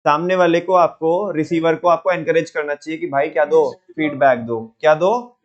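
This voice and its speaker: A man teaching a class in a relaxed, conversational way, often checking that students follow. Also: a little high, normal speed, lo-fi sound. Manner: conversational, with frequent rhetorical check-ins. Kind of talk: classroom lecture.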